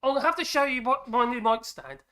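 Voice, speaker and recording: A middle-aged man talks fast in an extremely high, bright, forceful voice, congested from a head cold. Hosting his woodworking channel from his home workshop, he rambles casually and jokes at his own expense. A microphone on a ceiling clamp records him.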